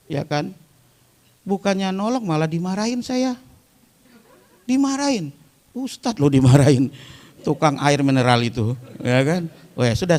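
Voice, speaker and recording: Chatty preacher, fairly high voice. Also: male voice, darkish tone, big-room sound. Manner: chatty storytelling, often addressing the listeners directly. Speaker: Islamic preacher. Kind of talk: humorous religious talk to a congregation. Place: weekly study gathering before a live audience.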